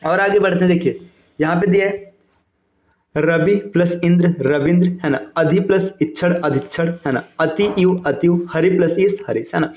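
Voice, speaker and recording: A man's voice: sits high, moderate pace, a little mellow, reverberant. A male teacher giving a step-by-step exam-prep grammar lesson over slides, often checking in with his listeners. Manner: explains step by step, keeps adding "है ना" and "देखिए".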